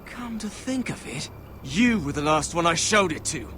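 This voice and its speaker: An actor playing a foul-mouthed, hot-tempered young recruit who bullies others in a fantasy video game. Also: male voice, a little high, animated, moderate pace, sharp tone, a little hiss or hum. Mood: aggressive, accusing.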